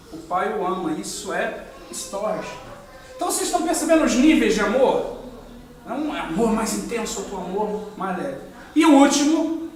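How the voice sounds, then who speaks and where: A man's voice: very high voice, a bit bright. A Brazilian man leading a spiritist study group, explaining ideas with frequent rhetorical questions and a habitual "né?". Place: meeting room of a study group. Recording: echoey room, distant mic.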